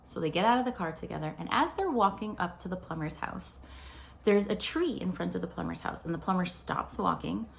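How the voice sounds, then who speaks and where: Gravelly-voiced woman telling a story. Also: fairly low pitch, lively intonation, a little fast, a little hiss or hum. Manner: friendly, conversational storyteller. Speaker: therapist. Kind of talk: storytelling explanation for viewers.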